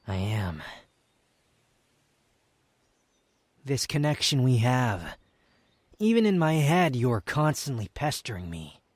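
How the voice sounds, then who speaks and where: A man playing an aloof, proud, sardonic young wanderer in an intimate roleplay audio drama, speaking in haughty, formal, halting phrases. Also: mid-range voice, no echo. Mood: scoffing, defensive. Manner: haughty, formal wording, halting, sighs and scoffs.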